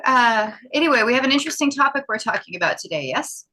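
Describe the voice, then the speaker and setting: Bubbly high-voiced woman podcast host. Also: big pitch swings, fast, crowd noise. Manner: bubbly, playful, laughing. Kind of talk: casual podcast chat.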